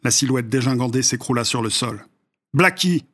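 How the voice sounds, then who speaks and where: Man narrating a dark story, measured. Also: medium pitch, little pitch movement. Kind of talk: audiobook narration.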